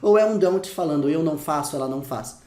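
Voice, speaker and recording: Brazilian guy teaching english, lively, says the examples slow, roomy echo. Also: a little high. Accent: Brazilian Portuguese. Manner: lively, repeats example phrases slowly. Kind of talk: casual teaching lesson. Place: room with dogs barking outside.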